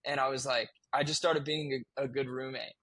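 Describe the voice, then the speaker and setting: A man's voice: medium pitch, little pitch movement, a little fast, fairly bright tone, no echo. A man in his twenties, a podcast guest, telling a personal story in casual chat, candid and swearing freely as he restarts his sentences.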